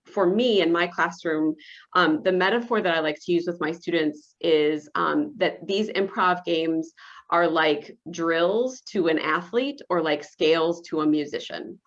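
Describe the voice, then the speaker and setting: Low-voiced woman professor, lo-fi sound. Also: fairly bright tone. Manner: measured, thoughtful, frequent fillers. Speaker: communication professor. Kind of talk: panel discussion. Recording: dull lo-fi sound.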